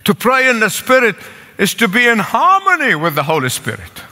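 A man's voice: high-pitched, wildly swooping pitch, normal speed, pushed and bright. An older man with an Egyptian accent preaching a sermon from a pulpit in a large church, earnest and pleading, repeating phrases for emphasis. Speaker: pastor. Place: large church sanctuary with congregation. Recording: long church hall reverb.

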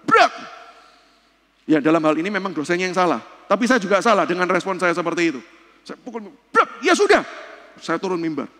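Male pastor, sermon in a church hall, fairly high voice, bursts loud then drops hushed, lingering hall reverb. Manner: fiery preaching, swings from loud bursts to hushed lows. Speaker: pastor and seminar speaker.

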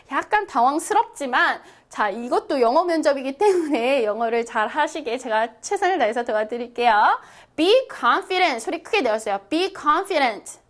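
A young woman teaching an online English lesson, lively and encouraging, reading example phrases slowly for students to repeat. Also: high voice. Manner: lively, encouraging, checks in with "right?" often.

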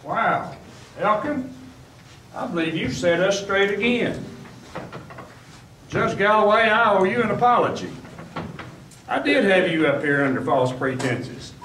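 A man's voice: high-pitched, sing-song, measured pace, long pauses, a bit bright, a little hiss or hum, exaggerated voice. A man playing an earnest, apologetic young man. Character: young man, eager to keep his job. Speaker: church play actor. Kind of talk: amateur church play. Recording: roomy hall, mic far off.

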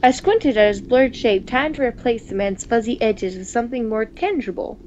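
This playful gaming host has a slightly high, slightly mellow voice and speaks at normal speed, reading visual novel narration aloud with casual chat in between and the odd stumble over the text. The recording, from a home microphone, is muffled and noisy.

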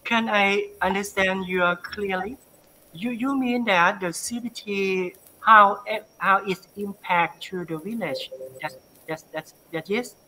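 This Thai-accented man from the country's northeast is a university lecturer fielding questions about his research over a video call, captured through a webcam. His sharp-toned voice sits high, and he stumbles and repeats words as he hunts for them, all in a low-quality recording with slight background noise.

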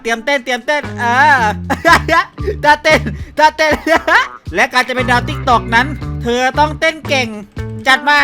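A man giving playful, excitable gameplay commentary, laughing often and using crude slang. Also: very high-pitched, unhurried. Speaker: gaming YouTuber. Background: background music.

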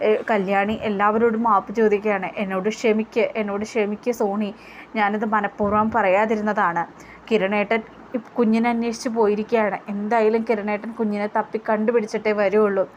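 A woman's voice: mid-range voice, a little hiss or hum. A woman casually recapping a TV serial episode in a chatty retelling style, quoting each character in her own voice. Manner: chatty retelling, often adds "kettoo" tags and quotes characters in her own voice.

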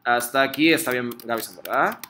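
A man teaches a lesson in Spanish. His voice is bright and clear, and he explains patiently, checking often that his students follow. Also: mid-range voice, a little fast, a little hiss or hum. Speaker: Japanese teacher. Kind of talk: online class teaching Japanese in Spanish.

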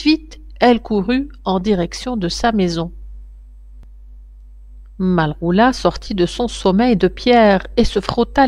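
Woman storyteller for a children's tale, unhurried and lively in melody, dry close sound. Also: medium pitch, dry recording. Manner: slow, expressive storytelling. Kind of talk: reading a children's tale aloud.

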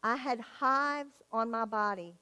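A woman's voice: fairly high pitch, slow pace, clean tone. A woman giving a personal testimony in church, telling her story vividly and acting out the dialogue. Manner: animated storyteller, acts out quoted dialogue, laughs at herself.

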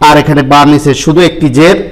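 A man teaching Quran reading, explaining step by step and repeating syllables slowly for the listener. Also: a little high, fairly even intonation, rough recording. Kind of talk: step-by-step lesson with spoken examples.

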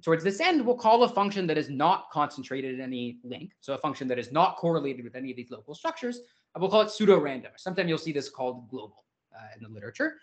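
A man with a slightly high voice delivers a theory seminar in an informal, thinking-aloud way. He hedges with "sort of" and corrects himself mid-sentence as he explains. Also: sing-song, fast talker. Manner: informal, hedging with "sort of" and restarts. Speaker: invited speaker. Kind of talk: academic seminar lecture.

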